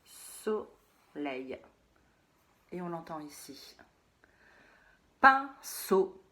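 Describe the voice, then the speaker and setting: A woman teaching a phonics lesson to young children, saying words slowly and repeating them, sometimes in a whisper. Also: on the low side, expressive.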